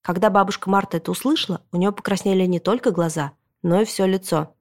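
Female audiobook narrator, children's story, lively and expressive, medium pitch. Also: fast talker. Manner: lively, expressive reading of a boy's first-person story. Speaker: audiobook reader.

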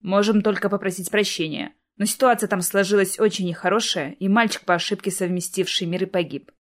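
A tall man who apologizes with bitterness and regret, as a female reader puts him on. He speaks at a middle pitch. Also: steady tone, a little fast, close to an everyday voice. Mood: apologetic.

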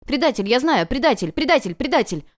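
A woman doing a shouting stubborn little boy. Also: high voice, sing-song, quick pace, no echo, studio quality, voice pushed up. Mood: defiant.

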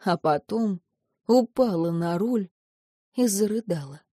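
A woman's voice: medium pitch, lively intonation, slow, mellow, no room sound, studio quality. A woman narrating a first-person audiobook with an emotional, intimate reading.

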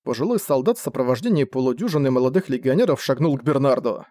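A man narrating a fantasy audiobook with expressive storytelling. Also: medium pitch, fast talker, no echo, clean studio sound.

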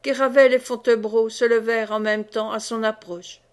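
A woman narrating a classic novel in a measured, expressive reading. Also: a little high, smooth. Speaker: audiobook reader. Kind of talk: scripted narration.

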